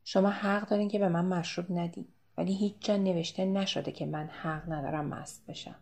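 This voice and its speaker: A man's voice: high voice, steady tone, creaky, darkish tone. A woman voicing a drunk young man at a bar in an audiobook reading. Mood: tipsy.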